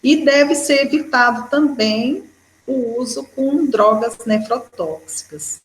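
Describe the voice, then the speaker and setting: A woman with a Brazilian Portuguese accent giving an educational lecture, explaining steadily and often checking in with a quick "né". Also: sits high. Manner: explanatory, with frequent "né" fillers. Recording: echoey room.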